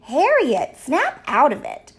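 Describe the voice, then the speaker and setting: A woman's voice: high voice, wildly swooping pitch, pitched above the performer's own voice, exaggerated voice. A woman doing a sensible girl hamster. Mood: brisk, soothing. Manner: brisk and level-headed. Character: sensible, calm young female hamster sister.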